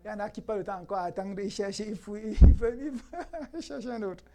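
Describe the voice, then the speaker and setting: A man preaching a sermon as pastor in a church, emphatic and lively, firing rhetorical questions at the congregation and laughing often. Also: high-pitched, fast talker.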